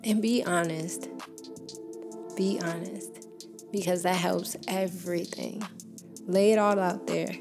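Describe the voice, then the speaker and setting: A woman's voice: lowish voice, fairly even intonation, takes it slowly, pauses often. A young woman giving a casual, heartfelt faith talk, speaking informally and often saying "like" and "you know.". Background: background music.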